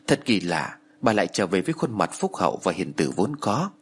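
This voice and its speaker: A man narrating a horror story with expressive storytelling. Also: sits low, a little fast, slightly rough. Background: faint music.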